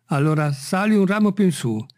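Un gentiluomo febbrile e agitato che impartisce ordini con urgenza, interpretato da un uomo che legge un audiolibro. La voce è un po' alzata e tesa. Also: male voice, high-pitched, lively intonation, brisk, a little mellow, voice pushed up. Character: excitable gentleman, feverish and commanding. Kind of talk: audiobook reading.

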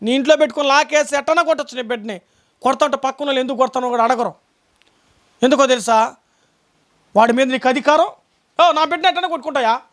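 A man's voice: extremely high pitch, steady tone, fast, long pauses, a bit bright. A man preaching a sermon as pastor, emphatic, with repeated rhetorical questions. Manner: calls out lines for a reader to read aloud.

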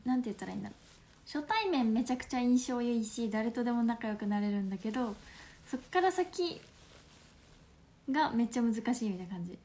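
A woman in her twenties from Fukuoka with a Hakata accent, chatting playfully on a phone livestream at home, laughing often and slipping into soft asides. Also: on the high side. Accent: Hakata dialect. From Fukuoka, Japan. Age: 20s. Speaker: livestream host. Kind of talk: casual livestream chat reading viewer comments.

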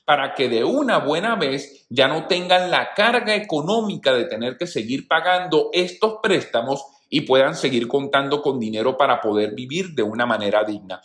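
A man's voice: a little high, a bit bright. A man hosting a news channel, giving opinionated commentary in voice-over and addressing viewers as friends. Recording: roomy echo.

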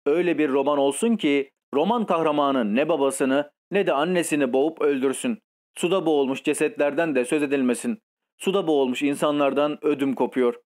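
An imperious old countess barks orders and scolds everyone around her in this audiobook scene. Her voice sits a little high, since a man reads her part in his own voice. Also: a little fast, darkish tone, natural voice. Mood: fussy. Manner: scolding, commanding. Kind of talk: audiobook reading.

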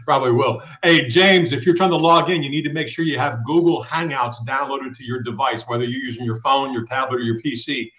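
A man's voice: mid-range voice, fairly quick, hardly any pauses, a bit bright. A middle-aged man runs a live video chat from a small room at home, speaking firmly and directly. His webcam sound is roomy and a little dull. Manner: firm, direct, reads viewer questions aloud. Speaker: host of a live trucking channel. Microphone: webcam on a video call.

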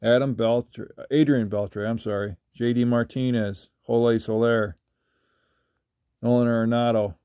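An older man talking casually while sorting trading cards, rambling with halting restarts. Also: medium pitch, fairly even intonation, warm tone, clean tone, no room sound. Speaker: trading card collector. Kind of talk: casual card-flipping commentary. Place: indoors at a table.

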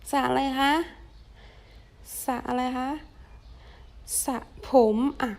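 A young woman who teaches English with a Thai accent and repeats each phrase slowly for her pupils to say back. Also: sits high, flat delivery, creaky. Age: young adult. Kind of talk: slow, drawn-out classroom teaching.

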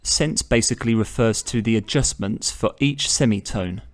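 Explaining every click in a measured, instructional way, a man with a fairly low voice guides viewers through a software tutorial. It's step-by-step screen narration in the manner of a channel host.

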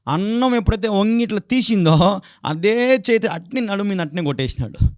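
A man's voice: high-pitched, animated, fairly quick, no room sound, clean studio sound. A male pastor with a Telugu accent preaching a sermon, who acts out quarrels in raised voices and often calls out hallelujah. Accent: Telugu, Andhra Pradesh. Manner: fervent exclamations of hallelujah.

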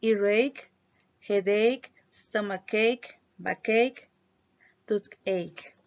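A primary school English teacher with a medium-pitched voice runs an online review class for children, saying each English word slowly and carefully before giving its Spanish meaning. The vocabulary drill has dull, lo-fi sound.

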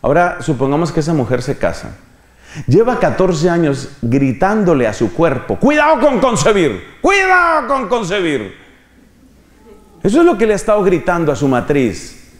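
A man in his fifties giving a pastoral talk, animated, full of rhetorical questions and acted-out quotes. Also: a little high, a little fast, reverberant. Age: 50s. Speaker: preacher. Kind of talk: pastoral talk to youth ministers.

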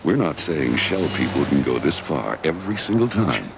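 Extremely deep, gravelly male narrator. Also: sing-song, moderate pace, a crowd in the background. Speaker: commercial narrator. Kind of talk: dramatic scripted storytelling narration.

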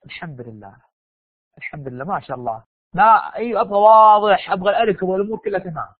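Saudi guy teaching a class online, sick and scratchy-throated, quick and high-pitched, dry phone-ish sound. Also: no echo, phone-quality sound. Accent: Saudi Arabian. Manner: animated, coaxes students with quiz questions. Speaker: university lecturer. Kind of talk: live online lecture.

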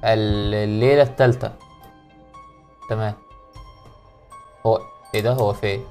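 Faint music plays behind this young man's fairly even, slightly mellow voice, which is on the low side and moves at a normal speed. He's a gaming YouTuber with an Egyptian Arabic accent, joking through a horror game and muttering prayers when something startles him.

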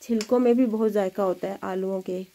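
A woman's voice: mid-range voice, fairly even intonation, brisk, mellow, low-quality recording. A woman hosting a home cooking video, chatting in an encouraging way as she cooks in her kitchen. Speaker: home cooking channel host. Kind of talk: casual cooking demonstration.

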